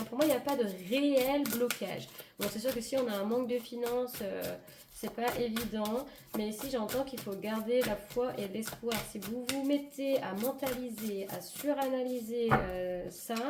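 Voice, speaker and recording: An echoey, noisy room carries a woman's fairly high voice as she improvises a card reading. She is hoarse, her voice giving out, and she talks casually, feeling her way through each thought with reassurance. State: hoarse voice giving out, clearing throat. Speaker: tarot and oracle card reader. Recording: echoey room with clear background noise.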